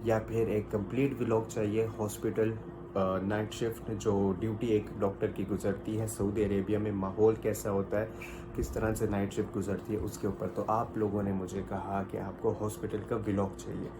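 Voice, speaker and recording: A man's voice: lowish voice, level tone, normal speed, background noise. A man, a doctor, talks casually to his viewers while getting ready and at his hospital office. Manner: chatty, addresses viewers as brother. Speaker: doctor vlogger. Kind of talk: casual vlog monologue.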